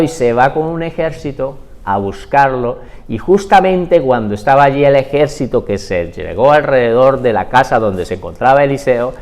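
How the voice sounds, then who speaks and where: A man teaching a Bible class, retelling stories in a lively way and asking the class rhetorical questions. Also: fairly high pitch. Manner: animated storytelling with rhetorical questions.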